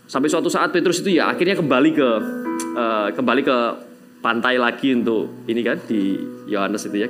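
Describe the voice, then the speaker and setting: A man preaching a sermon as pastor, telling stories with sudden loud exclamations and quiet asides. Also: a little high.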